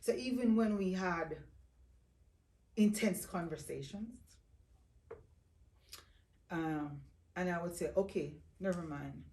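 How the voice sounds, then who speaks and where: A woman guest slowly and reflectively telling her life story in an interview, often speaking of her faith. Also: lowish voice, a little mellow, distant mic. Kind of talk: personal testimony interview. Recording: roomy echo, voice off-mic.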